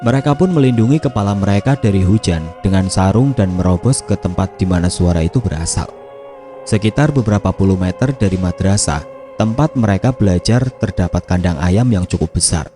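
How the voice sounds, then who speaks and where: A man narrating a scripted horror story in a steady, measured reading. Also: low-pitched, faint music behind.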